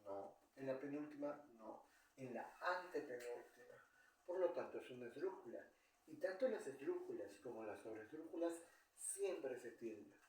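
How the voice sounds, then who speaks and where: A man's voice: mid-range voice, animated, normal speed, distant mic, a little hiss or hum. A man teaching a Spanish grammar lesson, who asks questions and answers them himself. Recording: echoey room, voice from off the mic.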